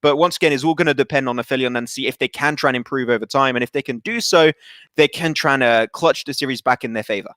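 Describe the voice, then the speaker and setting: A man casting a live mobile shooter match, excitable and rising to shouts on big plays. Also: mid-range voice, quick pace, no echo. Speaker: esports caster. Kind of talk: live game commentary.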